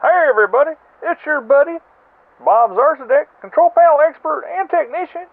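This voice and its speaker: A man with a very high voice leaves a rambling voicemail, heard over a landline phone. The sound is thin and tinny, as on an old phone line. He chats loosely, with plenty of "you know" and side remarks. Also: a little fast, no room sound. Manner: chatty, rambling, full of "you know" and asides. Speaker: caller leaving a voicemail. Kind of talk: rambling comic voicemail story.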